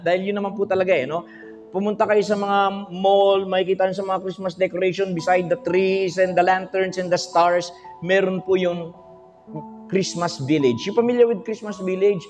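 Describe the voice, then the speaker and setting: A man with a Filipino accent preaching an animated livestream sermon, asking the audience questions and breaking into snatches of song. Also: sits high, in a large hall.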